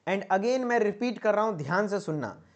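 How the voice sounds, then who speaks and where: A man's voice: high-pitched, expressive, moderate pace. A man giving an online lecture to pharmacy students, repeating points and checking in with a coaxing "okay?". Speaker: pharmacy teacher. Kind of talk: online exam-prep lecture.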